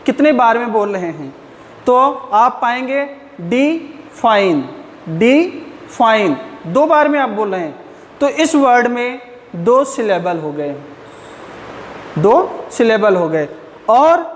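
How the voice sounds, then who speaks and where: A teacher giving a lesson to students, posing questions and then answering them, repeating key points and mixing in English phrases. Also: medium pitch. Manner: mixes English phrases into explanations. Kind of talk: classroom-style lesson. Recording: long reverb.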